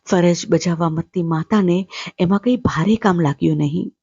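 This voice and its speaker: Husky-toned woman reading a story. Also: on the low side, dry recording, muffled recording. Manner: measured, steady narration. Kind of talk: reading a literary short story aloud.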